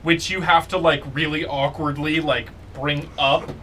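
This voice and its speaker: A man's voice: on the high side, flat delivery, measured pace, pushed and bright, slight background noise. A man improvising casual narration as game master of a tabletop role-playing game.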